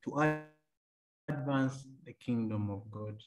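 A man's voice: medium pitch, takes it slowly, music in the background. A man, an engineer turned entrepreneur, telling stories about his faith and business in an interview. He laughs often and acts out the voices of other people. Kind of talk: faith-filled storytelling interview.

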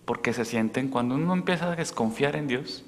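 Priest preaching in a reverberant church. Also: male voice, mid-range voice, a little fast. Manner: questions the congregation directly, shifting from loud to soft.

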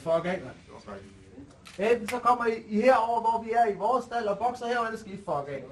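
Angry, swearing man shouting from afar. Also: very high-pitched, slight background noise. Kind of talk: heated argument at a press conference. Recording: distant voice in a crowd.

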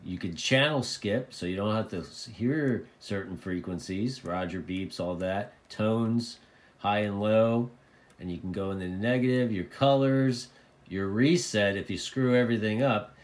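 Seated at a desk indoors, a man presents a radio tutorial, informally explaining and demonstrating a product. His voice is on the low side and his pace is measured, and he repeats phrases for emphasis.

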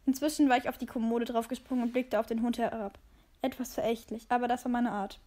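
A woman reading a fan story aloud with expressive first-person storytelling. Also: fairly high pitch, quick pace. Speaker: story reader.

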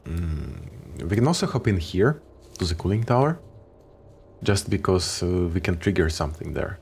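Ukrainian male game streamer, very low voice, laid-back chatter, casual swearing. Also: moderate pace, vocal fry, a little hiss or hum. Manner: relaxed, swears offhandedly. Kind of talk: casual gameplay commentary.

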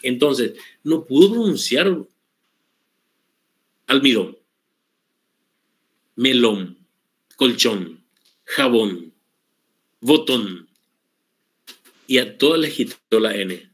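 A man's voice: medium pitch, lively intonation. Man teaching a Guaraní class. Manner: explanatory, repeats words slowly for students. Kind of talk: online class lecture.

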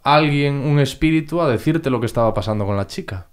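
A man hosting an interview, asking calm, probing follow-up questions. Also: medium pitch, fairly quick, smooth. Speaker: podcast host, interviewer.

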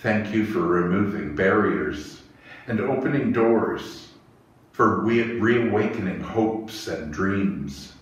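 Leading worship indoors in a small church chapel, a middle-aged minister reads prayers and poems in a slow, measured, reverent manner. His voice is lowish, yet his intonation is lively. The lapel mic picks him up distantly, with room echo and a faint hiss.

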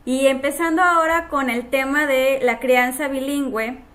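High-voiced woman hosting a podcast. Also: steady tone, moderate pace, fairly bright tone. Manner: friendly, uses fillers like "este", laughs often. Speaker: podcast host. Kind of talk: casual interview.

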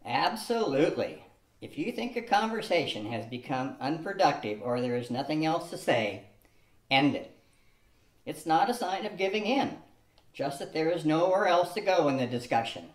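An older man voices Elmer, a patient, reasoned husband, in an amateur radio play, reading carefully from a script in a lecturing, explaining tone. His voice sits on the high side with a sing-song lilt at a moderate pace. He's at a stand mic on a tripod in a studio room with a cloth backdrop, and the room sounds echoey.

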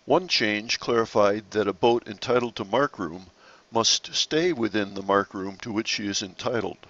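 A man narrating a slide-based lesson on sailing rules in a measured, explanatory way. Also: fairly low pitch, fairly bright tone, muffled recording. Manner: measured, explanatory, occasional restarts.

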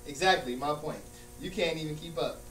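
Echoey, far-off room. Male actor as smug friend, mocking and fed up, higher-pitched, comedy sketch. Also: brisk, fairly bright tone, soft background music, close to an everyday voice. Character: exasperated, smug friend of a basketball coach. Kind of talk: acting class comedy scene. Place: large room with small stage, indoors. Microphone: far camera. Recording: distant, echoey room with hum and noise.

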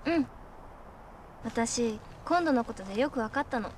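A woman's voice: on the high side, expressive, unhurried, slight background noise. A young woman playing a naive, dreamy schoolgirl heroine in a TV hero parody, childlike and earnest, in an echoey sound with music. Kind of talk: live-action TV hero parody acting.

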